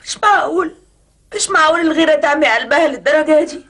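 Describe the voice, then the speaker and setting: A shrill wailing scheming wife. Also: female voice, fast, fairly bright tone. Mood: wailing hysterical. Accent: Egyptian Arabic.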